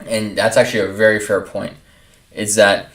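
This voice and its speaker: A man's voice: lowish voice, little pitch movement, normal speed. Rambling casual man, roomy far mic. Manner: loose and rambling, full of fillers and restarts, laughs easily. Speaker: video reactor. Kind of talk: casual reaction commentary.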